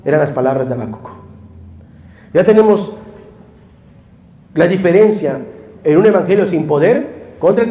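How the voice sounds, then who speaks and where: Impassioned Mexican preacher, echoey hall. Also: male voice, fairly high pitch, lo-fi sound. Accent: Mexican Spanish. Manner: impassioned, swings from loud pleading to hushed confession. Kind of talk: sermon. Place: church hall. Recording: echoey room.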